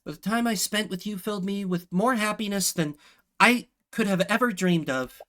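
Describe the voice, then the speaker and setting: A man voicing an earnest, devoted companion in a video game, with a halting, heartfelt, sorrowful delivery. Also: sits high, sharp tone. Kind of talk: dramatic visual novel game acting.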